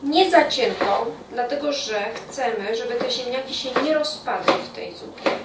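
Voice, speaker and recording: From a small indoor kitchen by a window, a middle-aged home cooking show host gives a casual recipe explanation to the camera, speaking haltingly and pausing mid-sentence in a voice on the high side. Her camera is propped on the counter a step away. The recording sounds distant, with an echoey room and loud kitchen noise.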